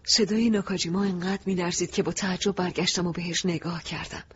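A man narrating a first-person audiobook in a soft, reflective, emotive way. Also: sits high, steady tone, slightly rough. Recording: dull lo-fi recording.

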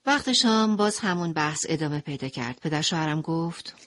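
In a low-sitting voice, a woman narrates a dramatic first-person audio story with great expressiveness, shifting between quiet narration and impassioned passages.

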